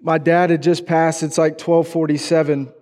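Emotional preacher sharing a story. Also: male voice, fairly high pitch, flat delivery, moderate pace, a little mellow. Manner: emotional, candid personal storytelling. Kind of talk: sermon.

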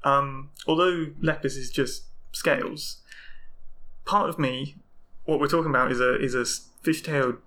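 A man's voice: mid-range voice, fairly even intonation, moderate pace, bright, forceful tone. A man co-hosting a podcast in casual chat, jokey and chatty, often laughing. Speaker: podcast co-host.

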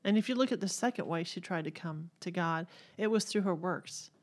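A woman with a Southern accent and a fairly low voice co-hosts a casual Bible chat. She talks in a chatty way and adds onto what her partner says. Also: fairly quick. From Texas. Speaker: podcast co-host.

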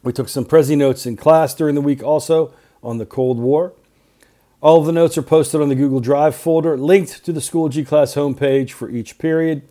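A man's voice: a little high, steady tone, normal speed, dark tone. A middle-aged male teacher recording class announcements for his students' podcast, talking in clipped short phrases with earnest reminders.

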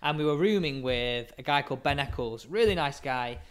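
An English man co-hosting a podcast, telling stories in a casual, animated way and acting out what people said. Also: mid-range voice, normal speed. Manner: animated storyteller, laughs and acts out quotes. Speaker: podcast co-host. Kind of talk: casual chat, storytelling.

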